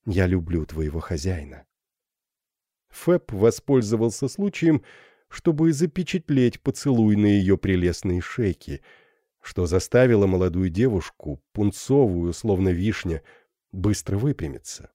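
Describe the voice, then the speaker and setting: A man reading a classic novel aloud as an audiobook narrator, measured and expressive. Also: lowish voice, no room sound, studio quality.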